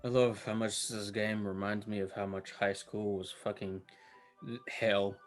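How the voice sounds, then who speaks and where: A man co-hosting a let's play gaming podcast speaks unhurriedly in a lowish voice with little pitch movement, soft music playing behind him. His banter is casual and sardonic, laced with swearing, and he often breaks into laughter.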